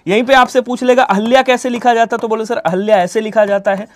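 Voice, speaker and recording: A man teaching an online Hindi exam-prep class, who answers his own questions in the voice of his students and lets the ends of his sentences fall quiet. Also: extremely high pitch, fairly even intonation, quick pace. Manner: repeats answers in imagined student replies, drops to quiet trailing endings.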